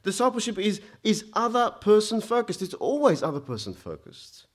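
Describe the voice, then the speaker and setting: A man born in Egypt preaching a sermon. He speaks emphatically, climbs to loud peaks and drops low, and often stammers into restarts. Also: sing-song, moderate pace.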